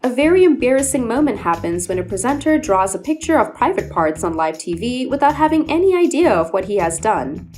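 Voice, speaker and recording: A woman's voice: a little high, big pitch swings, fairly quick, darkish tone. A woman reading scripted narration as the narrator of a video compilation. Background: background music.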